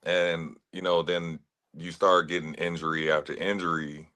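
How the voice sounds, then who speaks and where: Deep-voiced laid-back man. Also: flat delivery, normal speed, bright, forceful tone. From Atlanta, Georgia, US. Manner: laid-back, frequent "you know what I'm saying". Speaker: interview guest, actor and fitness trainer. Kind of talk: relaxed conversational storytelling.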